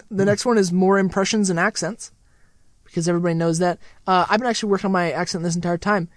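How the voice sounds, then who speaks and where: A man's voice: high-pitched, fairly even intonation, fast, no room sound, clean studio sound. A man co-hosting a podcast, chatting casually and joking, often repeating himself. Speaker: podcast co-host.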